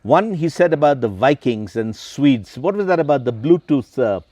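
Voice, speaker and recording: A man's voice: mid-range voice, expressive, moderate pace, warm tone, no echo. A man hosting a conversational interview. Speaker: interview host.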